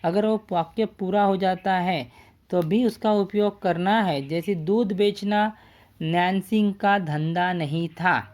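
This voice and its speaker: Teaching Hindi grammar to a class, a patient man walks through each step and regularly checks whether his students follow. His voice is high and a little mellow, and he reinforces points by repeating "ठीक है."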